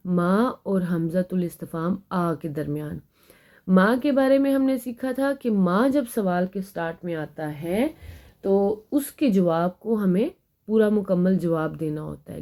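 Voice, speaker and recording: A woman's voice: lowish voice, mellow. Patient woman teaching Arabic grammar. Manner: patient explaining, reads Arabic examples slowly then translates. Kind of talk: Urdu-language Arabic grammar lesson.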